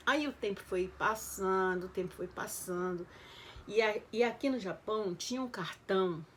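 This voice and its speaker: An emotional woman from Belém, Brazil, recounts her life in casual personal storytelling, her voice fairly low with a little hiss or hum. She is animated and keeps calling her listeners "gente."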